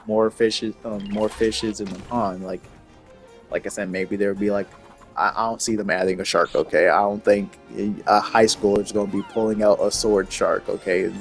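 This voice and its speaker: A man chatting casually about video games, halting and restarting with many fillers. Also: lowish voice. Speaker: gaming video creator. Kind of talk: casual rambling commentary.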